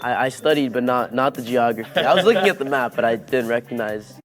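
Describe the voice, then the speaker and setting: Relaxed American man, faint music behind. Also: medium pitch, fast talker. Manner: relaxed, hesitant with fillers. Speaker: game show contestant. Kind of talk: casual interview answers.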